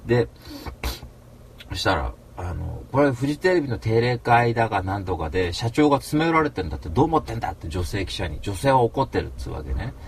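A man hosting a talk show, telling a rambling story in rough, casual speech and flaring into mock rants. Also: fairly low pitch, sing-song, quick pace, slight background noise. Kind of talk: casual monologue.

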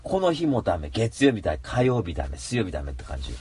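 A man telling a story in a casual solo monologue, animated and given to mock rants. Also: low-pitched, quick pace, slight background noise.

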